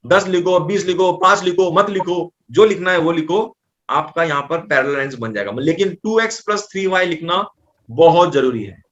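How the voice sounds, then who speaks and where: A man with an Indian accent tutoring maths, his voice pitched a little high. He works through each step out loud as he writes. He keeps reassuring the student that it is all simple. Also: moderate pace, lo-fi sound. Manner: breezy, reassuring, thinks aloud while writing. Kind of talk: explaining maths problems.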